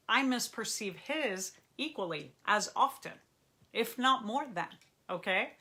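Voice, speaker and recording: A middle-aged woman therapist hosts a live online Q&A in front of a bookshelf, speaking into a webcam. Her voice is bright and crisp, and she keeps the talk animated and full of jokes. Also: on the high side. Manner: animated, joking, reads out viewer comments. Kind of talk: live-stream talk to viewers. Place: room in front of a bookshelf and ladder.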